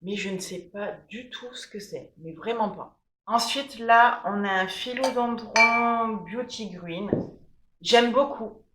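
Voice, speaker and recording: A woman's voice: a little high, takes it slowly, a bit bright, a little hiss or hum. Chatty woman touring her plants. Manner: enthusiastic, chatty, many fillers. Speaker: plant vlogger. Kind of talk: casual plant tour. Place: room at home. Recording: echoey room.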